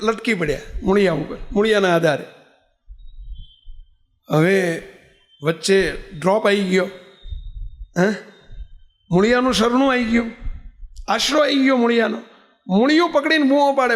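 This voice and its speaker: A man giving a storytelling sermon as a spiritual leader, acting out cries and prayers and speaking straight to his listeners. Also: high-pitched. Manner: animated storyteller, acts out cries and prayers, addresses listeners directly.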